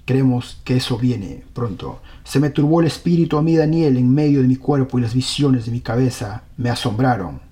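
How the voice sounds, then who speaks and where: Mellow-voiced male preacher. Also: mid-range voice, normal speed, few pauses. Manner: earnest, questioning congregation. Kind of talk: sermon with scripture reading.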